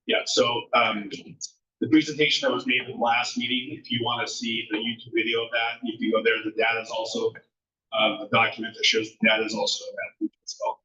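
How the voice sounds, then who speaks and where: In a large school meeting room, a neighborhood association officer gives unscripted announcements, stumbling through fillers and restarts. He speaks fairly quickly in a flat, bright, forceful mid-range voice. The recording is echoey, distant, and muffled.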